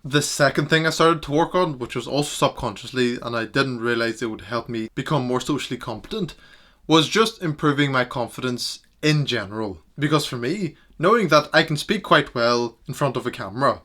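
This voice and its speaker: A man's voice: medium pitch, a little fast, fairly bright tone. A young man talking earnestly to camera in a reflective self-improvement vlog.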